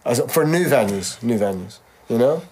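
A middle-aged touring musician in casual chat, swearing freely and acting out quoted lines in a raised voice. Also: male voice, mid-range voice, expressive, moderate pace, a little mellow, husky. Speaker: touring musician, podcast host.

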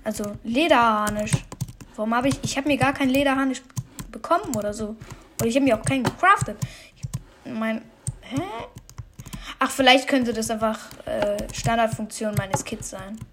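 A woman giving casual commentary on her own video game, excitable, swearing and muttering at what happens on screen. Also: fairly high pitch, normal speed, background noise. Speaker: gamer commentating her play.

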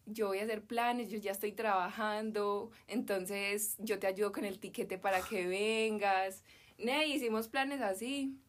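A woman's voice: mid-range voice, fairly even intonation, a little slow. A young woman from Colombia with a Medellín accent, chatting as a podcast guest and telling an emotional story full of slang. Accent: Medellín Colombian Spanish. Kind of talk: casual chat.

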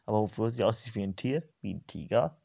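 A man's voice: on the low side, lively intonation, quick pace, gravelly, mellow. A man voicing a confused, kindhearted young man who has lost his memory, speaking earnestly. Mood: wary. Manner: puzzled, earnest.

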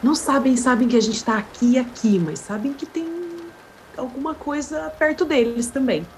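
A woman playing a hushed wary adventurer, whispered role-play. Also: sits high, normal speed, a little hiss or hum, pitched above the performer's own voice, natural voice. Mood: hushed urgent. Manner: hushed, urgent murmur. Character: wary young woman adventurer, quiet and alert.

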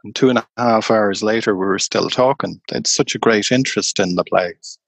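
A man, a tour guide, telling stories slowly and unhurriedly in an interview. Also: on the low side, vocal fry, dry recording. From Ireland. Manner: slow, unhurried anecdotal telling. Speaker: tour guide and storyteller guest. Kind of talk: conversational storytelling interview.

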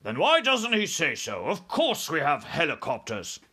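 Guy doing a huffy air force chief from a storybook, proud n brusque, bright raised voice. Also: a little high, huge pitch swings, moderate pace, breathy edge, voice pushed up, exaggerated voice. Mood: irritated. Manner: brusque, puzzled, grudging. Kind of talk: storybook character voice.

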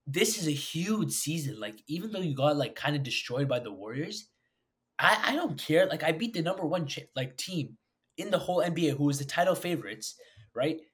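A man's voice: on the high side, very animated, brisk. A young man co-hosting a casual sports podcast, rambling with many fillers and playful boasting. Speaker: podcast co-host.

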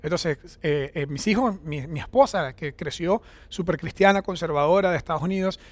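A man's voice: fairly high pitch, moderate pace, no room sound. A man in his thirties preaching a sermon in a conversational, storytelling way, often checking in with his listeners. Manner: conversational, anecdotal, frequent "¿verdad?" tag questions. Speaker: pastor.

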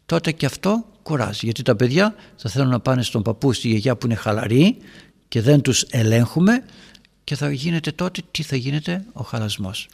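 A man's voice: mid-range voice, animated, creaky, husky. A man, a priest, giving a homily to a group of parents, telling stories and addressing his listeners as his dear ones. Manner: storytelling, acting out dialogues in raised voices. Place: church hall. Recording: long church-hall reverb.

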